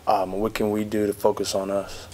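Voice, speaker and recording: A young man, a college basketball player, giving measured, steady answers at a postgame press conference, seated at a table mic. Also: on the low side. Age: young adult. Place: press conference room in front of a backdrop.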